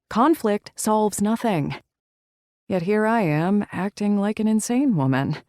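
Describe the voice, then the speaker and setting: Female romance audiobook narrator, low mellow voice, wry and expressive. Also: no room sound, clean studio sound. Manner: wry, expressive first-person storytelling.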